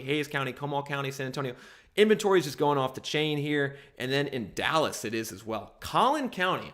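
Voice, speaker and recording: A young man hosting a live stream, walking through housing data dashboards and answering viewer requests in a casual, animated way. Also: medium pitch. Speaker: housing market analyst hosting a livestream.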